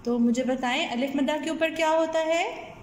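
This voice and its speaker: A woman's voice: high voice, normal speed, big-room sound, slight background noise. A woman teacher, patiently teaching young children, often asking the class questions and checking they follow.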